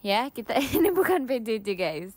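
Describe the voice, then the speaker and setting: A woman's voice: a little high, big pitch swings, moderate pace, darkish tone, no echo. Chatty playful young woman livestreaming. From Indonesia. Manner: chatty and playful, sprinkles English words, giggles. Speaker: idol livestreamer. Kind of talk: casual livestream chat with viewers. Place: lying down at home.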